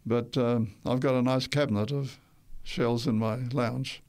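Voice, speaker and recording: The speaker is an older interview guest from Tonga reminiscing on the radio in a somewhat slow, mildly mellow voice of middling pitch and fairly level intonation. He strays a bit, restarts sentences, amends what he says, and gives an occasional chuckle.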